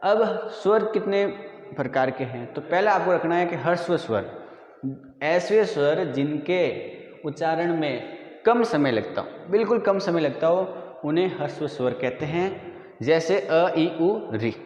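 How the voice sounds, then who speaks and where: A man's voice: a little high, lively intonation, measured pace, darkish tone, muffled recording. A male school teacher giving a grammar lesson, patiently repeating definitions and quizzing his students. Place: school classroom. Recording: echoey room with long reverb.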